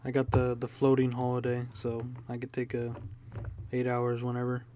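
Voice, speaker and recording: A man's voice: medium pitch, monotone, moderate pace, dark tone, a little hiss or hum. A man co-hosting a podcast in casual chat, giving terse, short answers. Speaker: podcast co-host.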